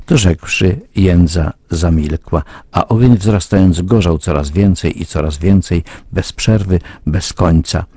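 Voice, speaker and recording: A man reads a moral fable aloud in an earnest, measured way. His voice is dark and husky, and it has a rough edge. The recording is close and dry. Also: deep voice, dry recording. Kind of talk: slow, earnest moral storytelling.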